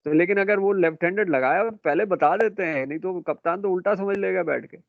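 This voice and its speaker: Man teaching a lively class. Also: sits high, quick pace, creaky, no room sound. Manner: quizzes students, calls them beta and bhai. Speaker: marine engineering teacher. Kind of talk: classroom lecture with questions. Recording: dry tinny phone-like classroom recording.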